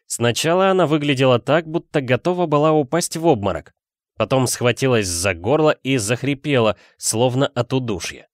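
A man's voice: medium pitch, no echo, studio quality. A man reading an audiobook, narrating steadily and expressively. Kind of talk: scripted narration.

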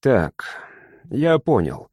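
A man voicing a calm, suspicious companion who speaks in a measured way. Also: medium pitch, husky, no room sound, studio quality, exaggerated voice. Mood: wary.

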